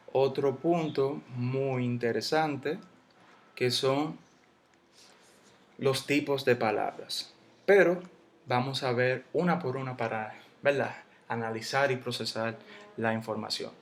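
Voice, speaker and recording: A man teaching a Spanish spelling lesson, slowly spelling out syllables and letters. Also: medium pitch.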